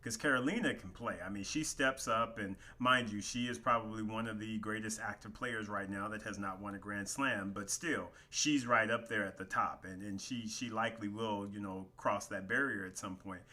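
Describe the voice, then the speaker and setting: A man co-hosting a casual podcast chat, agreeable and quick to laugh. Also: fairly low pitch, bright, forceful tone. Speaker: podcast co-host.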